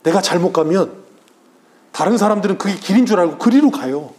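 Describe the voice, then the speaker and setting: A man's voice: sits high, lively intonation, a little fast. Man preaching with emotional swings. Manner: emotional storytelling, swinging from loud to hushed; acts out quoted voices softly. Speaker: pastor. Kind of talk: Sunday morning sermon. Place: church sanctuary during worship.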